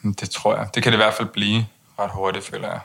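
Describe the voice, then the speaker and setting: Young man, very flat monotone delivery, gravelly fry, hesitant restarts, candid conversation. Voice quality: monotone, low-key delivery. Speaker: interview guest.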